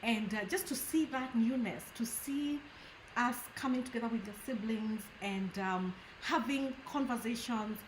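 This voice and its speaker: A woman pastor hosting a casual chat, speaking earnestly and gratefully with frequent pauses and fillers. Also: on the high side, a little hiss or hum. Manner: earnest, thankful, hesitant with fillers. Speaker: pastor and host. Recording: echoey room.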